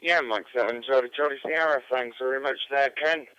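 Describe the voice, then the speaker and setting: A man's voice: medium pitch, fairly quick, sharp tone, clean tone, dry recording. A man acting as net control on an amateur radio net, talking casually with many hesitant fillers. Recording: dull lo-fi radio audio.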